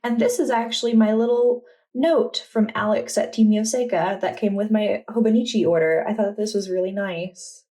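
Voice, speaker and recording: A young adult woman vlogger chatting in a relaxed, enthusiastic way as she walks through her journal. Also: medium pitch, normal speed, hardly any pauses. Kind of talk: casual vlog narration.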